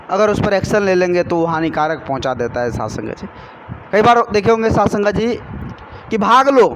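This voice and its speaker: A man's voice: high voice, slight background noise, rough recording. A man giving a devotional sermon, telling a parable and calling out to the congregation again and again. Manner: calls the congregation again and again, storytelling. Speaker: spiritual speaker.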